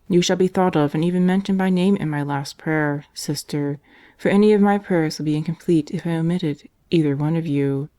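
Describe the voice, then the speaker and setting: A woman reading a gentle, devout male prisoner. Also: low voice, natural voice. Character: calm, devout young male prisoner writing letters.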